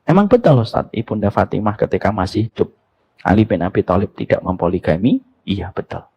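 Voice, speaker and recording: Male preacher, animated sermon delivery, gravelly texture, playful rhetorical questions. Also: lowish voice, fairly quick, muffled recording. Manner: animated storytelling, mixing jokes and rhetorical questions. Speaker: Islamic preacher.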